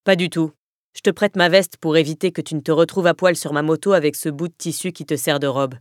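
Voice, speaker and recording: A woman voicing a brooding young male biker in an audiobook, low and husky with a gruff, teasing manner. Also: fairly even intonation, a little fast, dry recording, clean studio sound, close to an everyday voice. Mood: gruff, mocking. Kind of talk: audiobook character voice.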